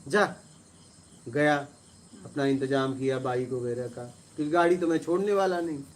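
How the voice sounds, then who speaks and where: A man, a spiritual teacher, telling stories to listeners and acting out quarrels in a rising, forceful voice. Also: mid-range voice, normal speed, slight background noise. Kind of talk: storytelling talk to listeners.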